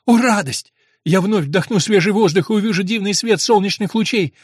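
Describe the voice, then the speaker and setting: A man's voice: a little high, brisk, darkish tone, breathy edge, no echo, clean studio sound. A man voicing a starving, chained woman prisoner who pleads in breathless exclamations. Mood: ecstatic.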